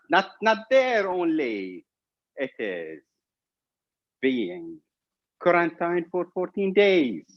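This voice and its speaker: Slow, dull-toned man telling a story. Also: high-pitched. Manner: storyteller acting out family dialogue. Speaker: contest speaker. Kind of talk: humorous speech.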